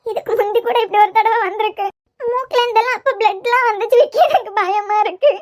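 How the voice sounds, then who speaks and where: A woman voicing a tearful, frightened young mother in a cartoon series, with a Kanyakumari Tamil accent and a squeaky, pleading voice. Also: steady tone, quick pace. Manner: pleading, anxious. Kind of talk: cartoon web series voice acting.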